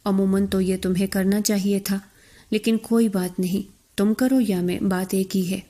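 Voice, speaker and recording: A woman's voice: medium pitch, little pitch movement, mellow, natural voice. A woman voicing a bold young bride who talks carelessly yet firmly in a storybook reading. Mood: carefree. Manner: carefree and firm. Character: bold, stubborn young bride, fiercely determined.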